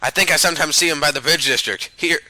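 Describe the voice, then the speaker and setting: A man's voice: on the high side, quick pace, bright, forceful tone, no room sound, low-quality recording. A man voicing a nervous, shifty male gravekeeper who pleads in broken grammar.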